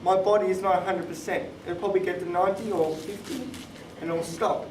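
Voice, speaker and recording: This twenties-aged man, Thai-born and now living in Australia, speaks fairly quickly in a high voice with rather even intonation. As a panelist at a live event, he gives an explanatory personal talk in a conference room. The mic sits at a distance, so the audio sounds roomy and carries clear background noise.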